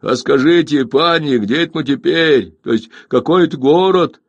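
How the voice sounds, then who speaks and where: A man's voice: a little high, normal speed, no room sound, highs cut off, voice pushed up. A man reading an audiobook, voicing a timid, bewildered male Cossack townsman who frets and exclaims.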